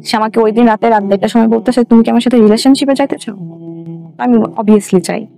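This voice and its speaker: This young interview guest's voice sits on the high side, steady in tone, mellow, with vocal fry, and she speaks a little fast. She has a Bangladeshi Bengali accent and tells her story casually, mixing in English, as music plays.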